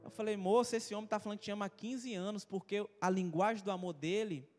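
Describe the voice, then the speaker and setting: A man's voice: high-pitched, steady tone, quick pace, darkish tone, long reverb tail, faint music behind. A man with a Brazilian accent, a pastor giving a chatty, humorous sermon full of personal stories and questions to the congregation. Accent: Brazilian Portuguese. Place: church hall.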